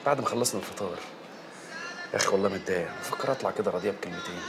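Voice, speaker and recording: An actor playing a brash, quick-tempered young Egyptian man who banters roughly with a friend, in an Egyptian Arabic accent. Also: deep voice, crowd noise. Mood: bantering. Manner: teasing, rough street banter. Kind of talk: film drama dialogue. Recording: music under film dialogue.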